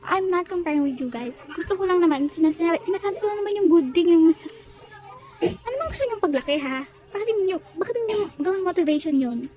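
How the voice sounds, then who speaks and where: A woman's voice: very high voice, lively intonation, fast, darkish tone. A woman voicing a strict, exasperated female schoolteacher in a toy role-play, scolding her pupils. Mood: lecturing. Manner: scolding, demanding. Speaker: teacher figure. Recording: crowd noise behind.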